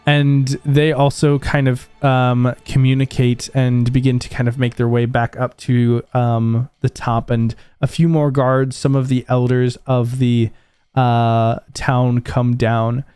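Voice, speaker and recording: A man's voice: mid-range voice, slow, clear, resonant tone, dry recording, faint music behind. Man narrating as game master. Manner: relaxed, many ums and kind-ofs.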